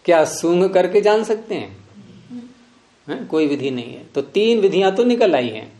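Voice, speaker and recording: A man's voice: sits high, lively intonation, moderate pace, mellow, echoey room. A man teaching philosophy to a class, often prompting students with questions. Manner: questioning, repeatedly prompting with "hmm?". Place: room with students present.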